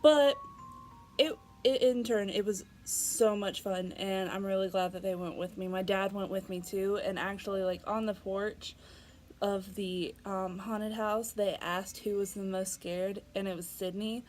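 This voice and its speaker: A woman's voice: mid-range voice, steady tone, measured pace, darkish tone, faint music behind, rough recording. A young woman vlogging casually, chatty and giggly, with many fillers and restarts. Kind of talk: casual vlog storytelling.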